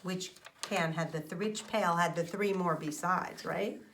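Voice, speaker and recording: Here a woman teacher with a fairly low pitch reads a children's book aloud at a measured pace. She's expressive, explaining points to the little ones and quizzing them along the way.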